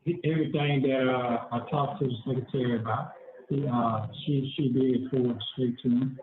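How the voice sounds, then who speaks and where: A man's voice: mid-range voice, fairly even intonation. Inmate-type male voice heard over a prison phone, hollow, with a faint hiss, hesitant. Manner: halting, repeats himself. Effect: on a prison phone line. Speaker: inmate on a jail call. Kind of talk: phone conversation. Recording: tinny echoey prison phone line, faint noise.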